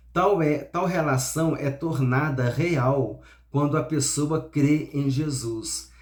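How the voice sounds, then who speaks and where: A man's voice: mid-range voice, darkish tone. A man with a Brazilian Portuguese accent teaching a Sunday school Bible lesson, explaining step by step and often restarting and repeating words. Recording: echoey room.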